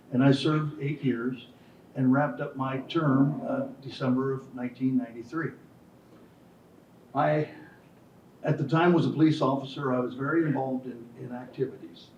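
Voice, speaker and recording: A man in his sixties, a school board candidate, answering forum questions in a formal, measured way with some hesitations. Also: medium pitch, a little hiss or hum. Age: 60s. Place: classroom-like meeting room. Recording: echoey room from far off, dull sound.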